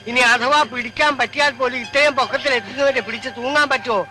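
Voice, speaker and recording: An actor playing an anxious, respectful household worker who cautions and worries aloud. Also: male voice, very high-pitched, quick pace. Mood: worried. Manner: worried, deferential, warning. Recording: film soundtrack with loud noise.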